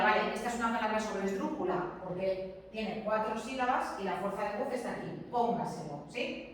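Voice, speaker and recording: A woman's voice: a little high, noisy background. A woman teacher lecturing a class, explaining step by step, repeating her points and asking the students questions. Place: large echoey classroom. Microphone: distant camera mic. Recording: echoey classroom from far off.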